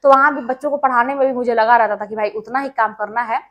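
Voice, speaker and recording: Woman, slightly high voice, earnest, emphatic, casual study advice. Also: steady tone, fast talker, fairly bright tone. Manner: earnest, emphatic, speaks directly to listeners. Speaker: study motivation speaker; schoolteacher. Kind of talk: casual advice talk to exam aspirants.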